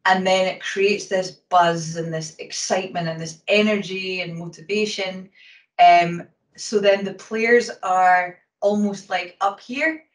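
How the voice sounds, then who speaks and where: Scottish lady umpire chatting fast in an interview, sounds a bit far off in an echoey room. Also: medium pitch, fairly even intonation. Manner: talks quickly, with fillers. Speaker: hockey umpire. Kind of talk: casual interview answers. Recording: roomy sound from a distance from the mic.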